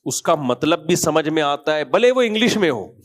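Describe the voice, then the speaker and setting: A male scholar delivers a relaxed religious talk built from anecdotes and jokes. His voice sits a little higher than most men's, and he slips into different voices to act out each character's lines. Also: normal speed. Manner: storytelling, acts out dialogue in different voices, chuckles. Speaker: Islamic scholar giving a talk.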